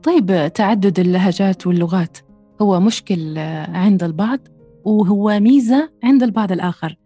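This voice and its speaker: A woman's voice: medium pitch, a little fast, mellow, husky, dry recording, faint music behind. A woman hosting an interview, asking short questions and prompting her guest. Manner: brief prompts and acknowledgements. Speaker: interviewer host.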